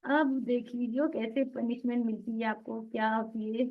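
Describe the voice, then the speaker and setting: A woman's voice: fairly high pitch, steady tone, moderate pace. A woman teaching an online recitation class, explaining patiently, asking the class questions and repeating sounds over and over for practice. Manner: asks the class questions then answers them. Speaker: Tajweed teacher. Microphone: video call. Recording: dull lo-fi online class audio.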